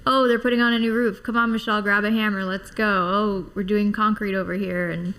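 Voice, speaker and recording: A woman's voice: mid-range voice, little pitch movement, fairly quick, a bit bright. A woman in her thirties, originally from Iowa, talks as a podcast guest. Her speech is casual and informal, full of little fillers as she shares her story. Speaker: guest, construction company owner. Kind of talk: casual interview chat.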